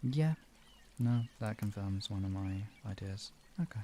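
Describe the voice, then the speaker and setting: An unhurried, mellow man with a lowish voice speaks over slight background noise. Hosting a live stream as a relaxation guide, he talks to viewers in a loose, improvised way, drifting and dropping thoughts partway through.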